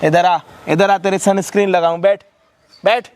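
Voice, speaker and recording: Loud scolding man, high voice. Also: steady tone, normal speed, clear, resonant tone. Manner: loud, scolding, repeats words, swears. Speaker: prank video host. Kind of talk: staged confrontation, scolding.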